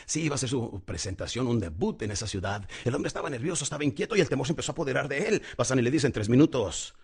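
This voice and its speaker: Rich: A man coaches public speaking in a husky, lively voice that leaps from high and loud to low and soft. He talks fast and with energy, calling the listener "champion". His tone is motivational and full of dramatic pauses. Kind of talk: motivational lesson.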